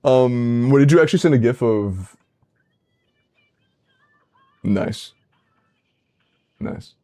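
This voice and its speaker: On a laid-back livestream, a streamer in his twenties reviews game accounts while playfully bantering with viewers and laughing often. His mid-range voice is warm and animated, though he speaks slowly.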